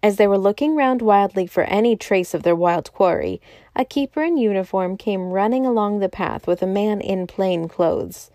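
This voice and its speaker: Mellow woman reading a novel aloud. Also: mid-range voice, moderate pace, dry recording. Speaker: audiobook narrator. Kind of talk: scripted narration.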